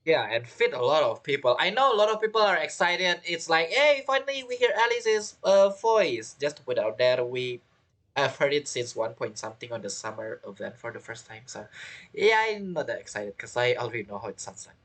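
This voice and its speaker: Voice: medium pitch, expressive, brisk, a bit bright. A game streamer giving casual reaction commentary and theorizing aloud.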